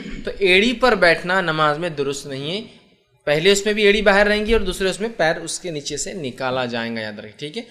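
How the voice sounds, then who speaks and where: A man with a high, bright voice gives a patient religious lesson. He explains each point slowly, repeats himself for emphasis and keeps asking his listeners whether they follow. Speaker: Islamic preacher.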